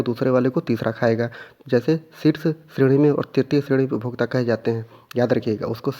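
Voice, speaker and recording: A man's voice: mid-range voice, warm tone, lo-fi sound. A man teaching an exam revision lesson, asking questions and answering them himself, stressing the key points again and again. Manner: repeats key points and quizzes listeners with questions.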